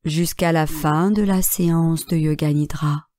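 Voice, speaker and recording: A yoga nidra instructor with a deep voice guides a relaxation meditation, calm and measured, in short phrases separated by long pauses. The sound is studio quality with no echo.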